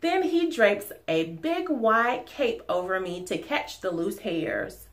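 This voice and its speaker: A woman in her forties, a teacher reading a children's storybook aloud at home in an expressive, animated way. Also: mid-range voice, slow. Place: living room at home.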